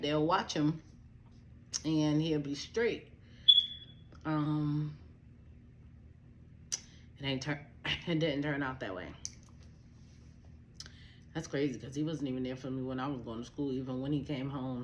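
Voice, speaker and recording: A woman's voice: low voice, slight background noise. Blunt, profane young woman venting. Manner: blunt, profane, emphatic storytelling. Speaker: vlogger, spiritual advisor. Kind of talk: candid personal rant to camera.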